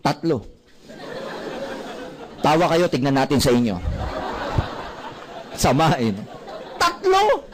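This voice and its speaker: A man with a Filipino accent giving a motivational seminar talk, animated and full of stories told with quoted dialogue. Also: mid-range voice, slow, long pauses, some chatter behind, slight background noise. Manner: animated, storytelling with quoted dialogue, mixing Tagalog and English. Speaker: network marketing speaker.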